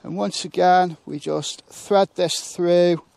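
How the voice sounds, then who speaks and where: A man casually demonstrating how to pitch a tent outdoors, chatting and thinking aloud with fillers, poking fun at himself. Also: steady tone, takes it slowly, gravelly, a little mellow, dry recording. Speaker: motorcycle touring reviewer.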